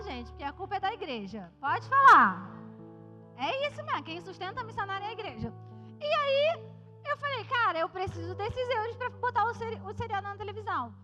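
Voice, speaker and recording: A Brazilian woman missionary giving a joking, lively testimony to a youth church service. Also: very high voice. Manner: lively, joking storyteller addressing the crowd. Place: church hall. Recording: reverberant church hall, slightly dull sound, music behind.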